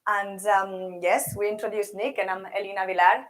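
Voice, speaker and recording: A woman's voice: mid-range voice, fairly even intonation, moderate pace, fairly bright tone. Woman giving a seminar talk, sore swollen throat voice, keen and chatty with the audience. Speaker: language teacher and presenter. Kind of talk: seminar presentation of a virtual project.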